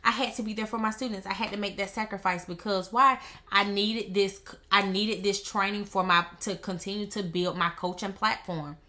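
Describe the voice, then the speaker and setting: A woman's voice: mid-range voice, fairly even intonation, moderate pace, pushed and bright. A woman business coach chatting casually to her viewers on a live stream, emphatic and playful, with slangy talk and repeated phrases for effect. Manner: slangy, conversational delivery.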